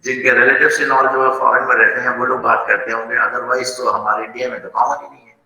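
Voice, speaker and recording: Indian guy teaching over a video call, gravelly and bright, roomy echo. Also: mid-range voice, steady tone, fast. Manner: mixes Hindi and English, addresses students as beta. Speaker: faculty moderator. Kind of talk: online class feedback.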